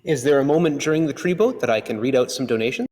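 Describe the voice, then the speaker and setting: A man's voice: medium pitch, expressive, fast talker, a little mellow. A man reading out donations for a stream, broadcasting from a church sanctuary with a long cathedral echo. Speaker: donation reader on a charity stream. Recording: long echoey church reverb.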